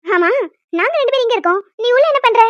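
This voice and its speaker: A woman voicing a calm young wife and mother who soothes her husband with light amusement in a cartoon. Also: very high voice, fast, dry recording. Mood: soothing. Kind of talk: cartoon voice acting. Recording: dull lo-fi dry recording.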